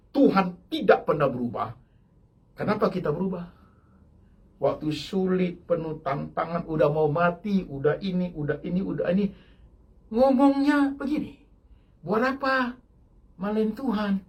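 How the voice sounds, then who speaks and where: A man's voice: sits high, lively intonation, measured pace, pauses often. An older man preaching a sermon as pastor, with emphatic repeated phrases and bits of English mixed in. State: ill with kidney disease.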